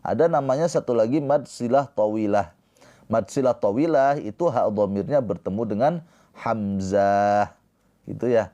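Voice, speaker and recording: A man teaching Quran recitation rules in a slow, patient lesson, chanting verse phrases and then explaining them. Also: fairly low pitch, dark tone, muffled recording. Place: live-streamed lesson.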